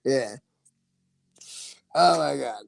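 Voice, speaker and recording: A man's voice: medium pitch, animated, drawn-out words, gravelly, no echo. A man in his forties chatting casually on his livestream, rambling, laughing often and swearing freely. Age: 40s. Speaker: livestream host.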